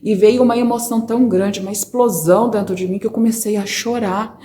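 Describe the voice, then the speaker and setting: A woman with a Brazilian Portuguese accent, telling her personal faith testimony to viewers in an expressive, chatty way from a corner of her home. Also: mid-range voice, brisk, a little hiss or hum. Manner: expressive storyteller, addresses viewers as brothers. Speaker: testimony speaker. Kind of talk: personal religious testimony, casual.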